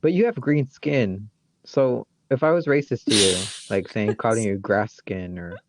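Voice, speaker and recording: A man's voice: lowish voice, unhurried, noisy background. A man with a Great Lakes Michigan accent chatting casually as a podcast co-host in a goofy, rambling, joking way. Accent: Great Lakes American, Michigan. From Michigan, United States.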